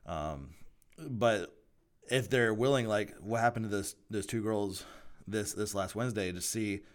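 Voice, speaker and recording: A man who leads a student ministry, talking casually on a podcast with frequent halts and restarts. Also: fairly low pitch. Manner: halting, many restarts and fillers.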